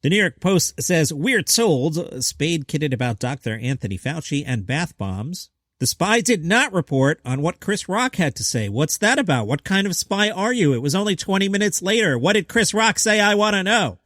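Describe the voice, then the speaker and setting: A man with a slightly high voice hosts a scripted comedy news show, recorded close and dry. He reads items and quotes in a chatty way, dropping wry asides and rhetorical questions. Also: sing-song, normal speed, fairly bright tone, no echo.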